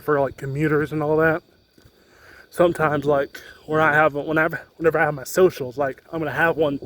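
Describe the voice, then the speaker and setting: A young man with a slightly high voice talks off the cuff as he vlogs on a walk. He rambles casually into a phone outdoors, with faint street noise behind him. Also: fairly bright tone. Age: young adult. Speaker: student vlogger. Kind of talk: casual walking vlog chat. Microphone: handheld phone.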